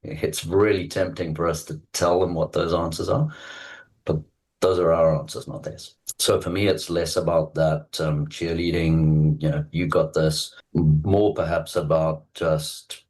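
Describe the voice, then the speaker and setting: Very deep-voiced South African man. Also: level tone, darkish tone, poor audio. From Zambia and Zimbabwe. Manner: reflective, halting with many fillers and restarts. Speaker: executive coach, podcast guest. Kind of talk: conversational interview.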